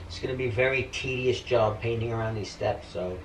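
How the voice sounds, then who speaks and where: A man's voice: medium pitch, brisk, slight background noise. A middle-aged man hosting a casual DIY vlog, chatting easily and joking as he works on a staircase in his home.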